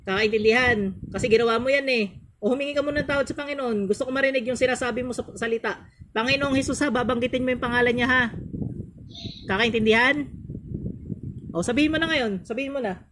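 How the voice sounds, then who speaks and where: A man working as a faith healer, who chants ritual prayers slowly and scolds in a stern, commanding way. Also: very high-pitched, noisy background. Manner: chanting in slow, drawn-out formulas. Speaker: faith healer performing an exorcism.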